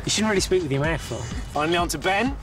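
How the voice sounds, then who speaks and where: A man hosts a children's game show outdoors in an upbeat, coaxing way, talking contestants through each step. His voice sits high for a man, and loud music plays behind him. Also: expressive, fast. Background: background music.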